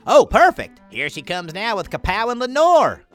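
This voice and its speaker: A woman's voice: medium pitch, big pitch swings, normal speed, soft background music, close to an everyday voice. A woman voicing a boastful alien sidekick who fancies himself a great actor, grand and bossy in a children's audio drama. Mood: grandiose.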